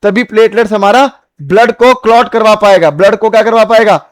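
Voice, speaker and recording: High-voiced man teaching biology. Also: steady tone, a little fast, no echo. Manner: repeats key points, asks rhetorical check questions, calls students "beta". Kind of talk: classroom lecture, drawing on a board.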